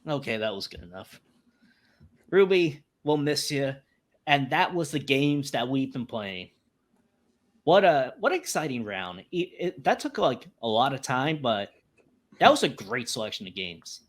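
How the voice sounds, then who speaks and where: A man hosting a casual gaming podcast, joking and talking in a lively, animated way. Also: medium pitch, moderate pace. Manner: animated, jokey, puts on silly voices. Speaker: podcast host.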